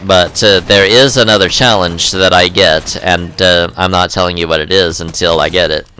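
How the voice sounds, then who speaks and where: A man's voice: deep voice, steady tone, moderate pace, bright, forceful tone, a little hiss or hum. A young man giving casual gameplay commentary in a rambling way, full of ums and uhs.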